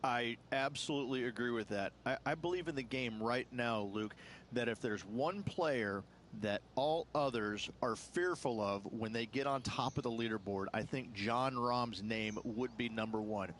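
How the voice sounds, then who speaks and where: A man's voice: medium pitch, normal speed, a bit bright, slight background noise, close to an everyday voice. A man as a golf commentator and analyst in a video game, explaining play emphatically.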